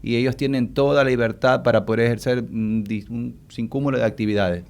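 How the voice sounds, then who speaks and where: Male co-host, rambling questions, mid-pitched, lots of restarts. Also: fairly even intonation, brisk, creaky, a little mellow. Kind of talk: radio talk show discussion.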